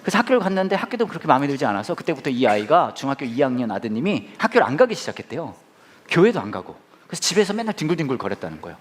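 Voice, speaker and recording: A man preaching a sermon as a pastor, telling a story in an animated, conversational way. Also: mid-range voice, very fast.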